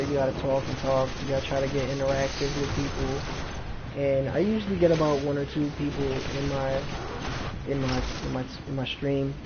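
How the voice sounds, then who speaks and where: A man chatting casually over gameplay as a streamer, with slightly slurred articulation from an overbite, in slangy, repetitive phrasing. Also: mid-range voice. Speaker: video game streamer. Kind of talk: casual gameplay commentary, rambling chat. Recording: noisy, dull home stream audio.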